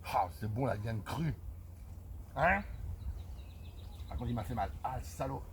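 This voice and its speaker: A man's voice: medium pitch, expressive, unhurried, a little hiss or hum. Theatrical man narrating outdoors. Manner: exaggerated, theatrical, addresses viewers as friends. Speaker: comic host of a mock hunting video. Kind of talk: comic mock wildlife commentary. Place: outdoors in a forest.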